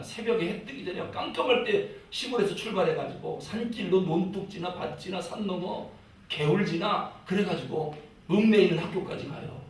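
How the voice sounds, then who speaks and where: Brief: middle-aged male preacher with a fairly high voice, lively sermon delivery, recorded from a distance in a very echoey church with faint noise. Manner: animated, mimics pleading prayers. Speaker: pastor. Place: church sanctuary.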